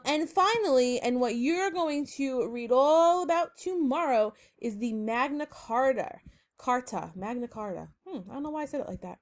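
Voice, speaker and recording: Chatty upbeat woman teacher. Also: sits high. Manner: chatty, upbeat, filler-heavy, addresses students as friends. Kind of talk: casual recorded online lesson.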